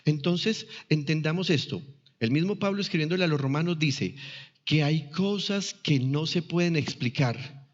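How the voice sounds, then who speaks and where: A man with a fairly high voice delivers a sermon, pausing to ask the congregation questions as he teaches. His words ring out with a long hall echo. The recording sounds dull and lo-fi. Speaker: pastor.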